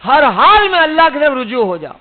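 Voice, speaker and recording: A man preaches a sermon in a strikingly high voice, exhorting his listeners and pressing them with rhetorical questions. The recording is thin and narrow, like a phone line. He comes from India. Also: big pitch swings. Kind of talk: religious sermon. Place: mosque gathering.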